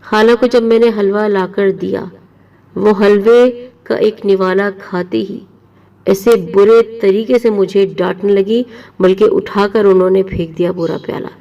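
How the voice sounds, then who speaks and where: Gravelly-voiced woman telling a story. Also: medium pitch, fairly even intonation, mellow, recorded from a distance, muffled recording. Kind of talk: first-person story narration.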